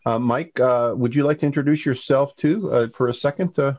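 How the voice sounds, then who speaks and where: A man's voice: medium pitch, brisk, darkish tone, highs cut off. A man hosting a webinar who interviews his guest in an upbeat way, with many fillers and frequent praise. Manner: upbeat, many fillers, keeps saying "fantastic". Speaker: webinar host.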